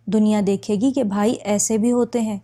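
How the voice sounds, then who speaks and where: A woman's voice: mid-range voice, fairly even intonation, dark tone, natural voice. A woman reading as a devoted eldest brother. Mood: heartfelt. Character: young man, devoted eldest brother, emotional.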